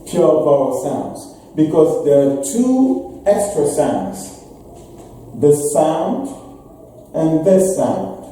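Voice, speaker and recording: A man teaching English pronunciation at a board, saying each example word several times over in a slow, careful way. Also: fairly high pitch, warm tone, slight background noise. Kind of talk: classroom lesson at a board. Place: classroom. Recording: echoey room, voice from a distance.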